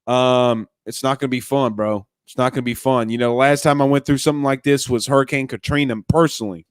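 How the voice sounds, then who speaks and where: A fast-talking young sports podcast host from Louisiana keeps his intonation fairly even while rambling through live-stream comments in a casual chat, restarting sentences and calling people "man" and "bro." His voice is smooth and resonant, slightly congested, at a middling pitch, and the sound is close and dry with no echo.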